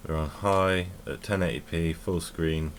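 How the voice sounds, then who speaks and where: A man's voice: deep voice, steady tone, a little slow, a little hiss or hum. A man giving casual, rambling commentary while playing a game, often correcting himself and thinking aloud. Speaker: tech vlogger.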